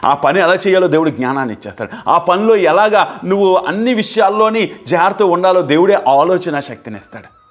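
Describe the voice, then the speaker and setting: Male pastor, fervent repetitive preaching style, mid-range voice. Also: mid-range voice. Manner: fervent, repetitive preaching, rising and falling emphasis. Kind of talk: sermon.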